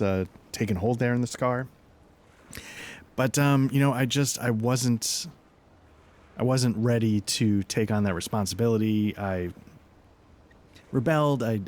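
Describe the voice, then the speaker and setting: Low male voice, tabletop player, casual, hesitant, halting storytelling. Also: a little mellow. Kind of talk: casual character introduction at a game table.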